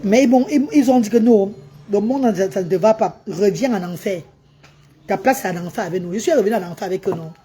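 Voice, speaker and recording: A woman with a mid-range, husky voice hosts a casual live stream, speaking a little fast. She's animated, chatting to her viewers and coaxing a child beside her between remarks.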